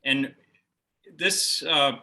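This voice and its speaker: A man from the United States hosts the conversation as a business law instructor, thinking aloud with frequent pauses and restarts. His mid-pitched voice has a very bright, sharp edge. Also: rough recording. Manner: thoughtful, hesitant, musing. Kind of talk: conversational interview.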